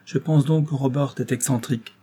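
A man reading the part of a frank, impulsive young woman who speaks in a lively, indignant way. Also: medium pitch, fairly quick, breathy edge, pitched above the performer's own voice, close to an everyday voice.

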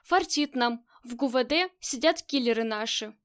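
Lady doing a pumped-up gangster guy, loud and slangy, audiobook. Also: fairly high pitch, animated, moderate pace. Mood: excited. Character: excited loud male gangster associate. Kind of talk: audiobook character reading.

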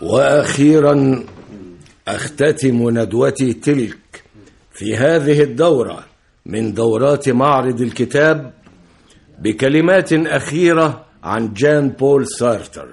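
An older man playing a veteran literary thinker giving a formal, measured lecture in a radio drama. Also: mid-range voice, creaky.

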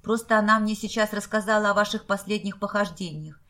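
A woman's voice: mid-range voice, a little fast, a bit bright, close to an everyday voice. A woman reading the part of an earnest, modest young male student in a storybook.

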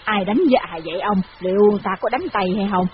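Guy doing a fussy old lady, high strained voice, nagging, lo-fi sound. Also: expressive, fast, slight background noise. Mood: worried. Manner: querulous, scolding. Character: plump old woman, fretful and nagging.

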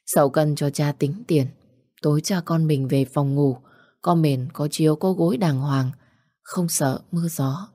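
A poor young orphan man speaks in a low, mellow tone, tender and pleading, as a woman reading the story gives him voice. The sound is dry and close. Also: a little slow, no room sound. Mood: tearful prayer.

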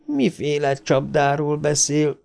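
A man's voice: a little high, animated, creaky, a little mellow. A man voicing a stern old scientist. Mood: tense. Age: older. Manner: measured, cold.

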